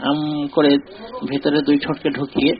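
A man giving a recorded lesson, explaining step by step in a slow, deliberate way and repeating short drilled syllables over and over. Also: on the high side, fairly even intonation. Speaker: teacher. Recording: dull lo-fi recording.

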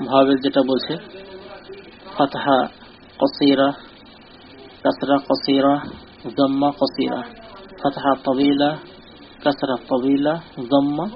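A man giving a recorded lesson, explaining step by step in a slow, deliberate way and repeating short drilled syllables over and over. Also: mid-range voice. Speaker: teacher. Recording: dull lo-fi recording.

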